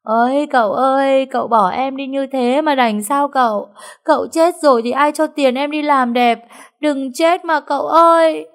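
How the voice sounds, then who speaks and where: Woman voicing a frantic young maid, wailing, high-pitched, fast, dramatic storybook servant girl. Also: animated, darkish tone.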